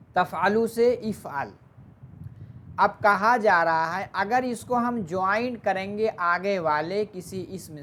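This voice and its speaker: A teacher giving an online Arabic grammar lesson, explaining slowly, mixing in English terms, and asking the class questions before answering them. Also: mid-range voice, a little hiss or hum.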